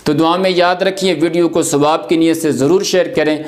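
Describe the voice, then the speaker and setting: A man teaching Quran recitation rules, explaining patiently and repeating each example slowly. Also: fairly high pitch, steady tone. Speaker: tajweed teacher.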